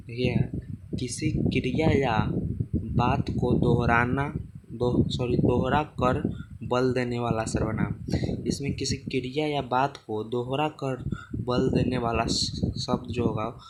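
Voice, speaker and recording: Guy tutoring hindi grammar for board exams, says every example twice, mid pitch, noisy recording. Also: fairly bright tone. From Bihar, India. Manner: repeats each example, addresses viewers as friends. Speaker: teacher. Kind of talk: exam-prep grammar lesson.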